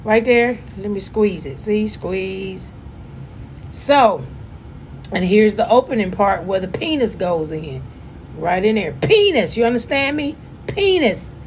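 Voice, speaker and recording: A woman, chatting loudly and jokingly as she gives a casual demonstration at home. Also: medium pitch, a little slow, a little hiss or hum. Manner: chatty, joking, loud and animated. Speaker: vlogger giving a demonstration.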